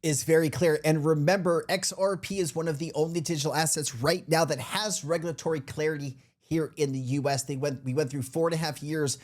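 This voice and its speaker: A crypto show host, feeling unwell with a sore throat that thickens his voice slightly, gives informal commentary on played clips and calls his viewers "guys." His voice is on the high side, steady, a little mellow, and a bit fast.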